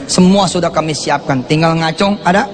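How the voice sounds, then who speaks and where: A middle-aged man preaching a sermon to a congregation, animated and acting out quoted prayers and complaints. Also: on the high side, fairly quick.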